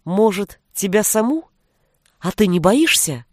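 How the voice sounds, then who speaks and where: A woman's voice: very animated, measured pace, no echo. Woman voicing a sly, teasing young sorcerer. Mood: sly whisper. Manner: sly, playful, low murmuring. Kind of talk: audiobook character voice.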